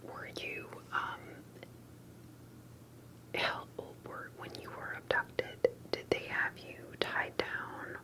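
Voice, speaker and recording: This is an ASMR roleplay in which a woman acts as the interviewer, posing each question with care and deliberation. Her voice stays an unvoiced, breathy, soft whisper throughout, captured on poor audio.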